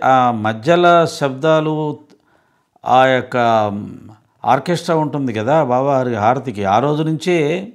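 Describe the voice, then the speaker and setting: A man speaking at a medium pitch gives a devotional scripture discourse at a satsang. He is earnest and explanatory, frequently posing rhetorical questions.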